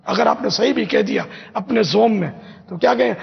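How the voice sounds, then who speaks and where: An older man, a religious scholar from Pakistan, gives an emphatic teaching talk to a gathering and repeats phrases slowly as pronunciation drills. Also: sits high, expressive, creaky, husky. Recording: echoey hall, dull lo-fi sound.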